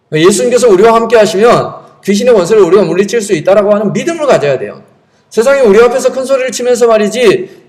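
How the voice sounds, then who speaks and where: Emphatic, lively Korean pastor preaching. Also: male voice, high-pitched. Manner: emphatic preaching with rhetorical questions. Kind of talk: sermon. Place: church sanctuary.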